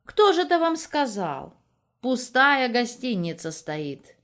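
A woman's voice: fairly high pitch, very animated, slow, fairly bright tone, pitched above the performer's own voice, heavily acted. A woman voicing a nosy, cheeky young village nurse who talks chattily and coquettishly. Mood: chatty, prying.

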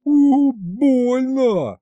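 A man's voice: medium pitch, very animated, moderate pace, mellow, dry recording, lo-fi sound. A man voicing a wry, teasing young male hero in an audiobook.

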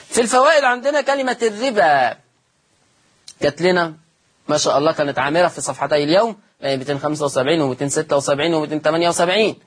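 An Egyptian woman teaches Quran recitation in a breathy, slightly husky voice of ordinary pitch. She explains patiently, repeating each rule, and asks her listeners rhetorical questions. When she quotes a word, she draws it out slowly. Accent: Egyptian Arabic. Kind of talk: explanatory religious lesson.

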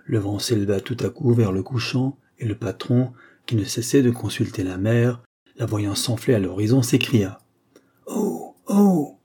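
A man narrating classic fiction as an audiobook, reading in a measured, dramatic way. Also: lowish voice, steady tone, mellow, breathy edge.

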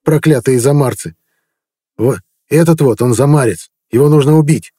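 A man voicing a nervous, twitchy thin male healer who talks in shrill bursts. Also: normal speed, mellow, slightly rough, no echo, studio quality, natural voice. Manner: jittery, shrill.

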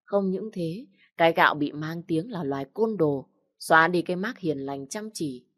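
Deep-voiced woman narrating a village story. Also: normal speed, no room sound, studio quality. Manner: steady storytelling, voicing every character. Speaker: audiobook narrator.

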